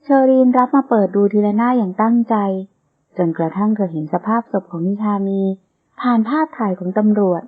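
A woman narrating a romance novel in a steady storytelling manner. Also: medium pitch, fairly quick, husky. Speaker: audiobook narrator. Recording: tinny phone-like sound.

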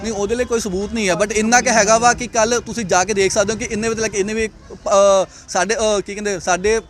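A man's voice: high voice, fairly even intonation, quick pace. A young man, agitated in a street interview, repeating himself. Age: young adult.

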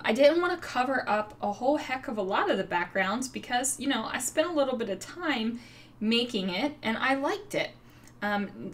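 Slow, chatty woman crafting from afar. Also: mid-range voice. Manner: chatty, rambling, self-amused, lots of fillers. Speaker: scrapbooking video host. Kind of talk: casual crafting chat. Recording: far from the mic, faint noise.

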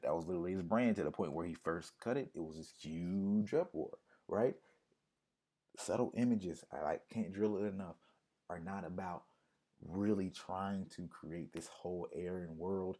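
Low, mellow-voiced man explaining casually. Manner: conversational, repeats key points for emphasis. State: losing his voice. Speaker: music marketing consultant.

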